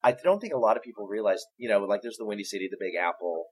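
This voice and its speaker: A man co-hosting a comedy podcast, campy and teasing, in a husky put-on sexy voice. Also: lowish voice, big pitch swings, racing, rough recording. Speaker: podcast co-host. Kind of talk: comedic casual chat.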